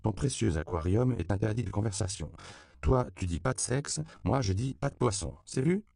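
A man's voice: on the low side, expressive, moderate pace, gravelly, warm tone, dry recording, clean studio sound, pitched above the performer's own voice. A man voicing a blunt, outspoken woman doctor in an audiobook, firm and teasing.

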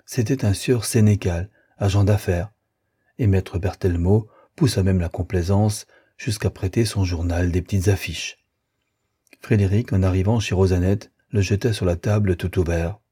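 A man reads a classic novel aloud in an audiobook. His voice is strongly husky, dark and somewhat low, and he tells the story in a measured, even way. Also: no echo, clean studio sound. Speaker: audiobook narrator. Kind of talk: scripted narration of a classic novel.

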